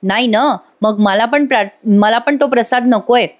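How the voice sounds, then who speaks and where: A woman's voice: a little high, moderate pace, lightly acted. A woman voicing a sulky, resentful young husband who speaks curtly.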